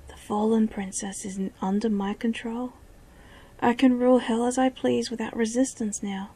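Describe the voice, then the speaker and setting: A smug, scheming male villain speaks quietly and half whispered, as a woman acts him out. The tone is dark and breathy. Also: fairly high pitch, steady tone, normal speed. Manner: soft, partly whispered.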